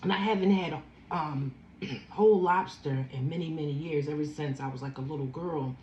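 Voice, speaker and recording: A woman's voice: low-pitched, mellow, reverberant, muffled recording, a little hiss or hum. A woman in her fifties with a Philadelphia accent, chatting casually while eating a seafood boil and savoring each bite. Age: 50s. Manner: slow, savoring, chatty with food sounds. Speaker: food vlogger.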